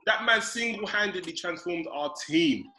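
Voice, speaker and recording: A man's voice: high-pitched, moderate pace, bright, forceful tone, echoey room, slight background noise. A man with a London roadman accent debates football casually as a podcast panellist, slangy and emphatic, repeating phrases for weight.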